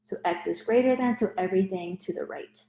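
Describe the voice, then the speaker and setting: A woman's voice: medium pitch, fairly quick, warm tone. A woman walks through a math problem one step at a time, talking as she works. The sound is roomy and slightly dull, like a lo-fi lecture recording in an echoey space. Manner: step-by-step, explanatory. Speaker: math teacher.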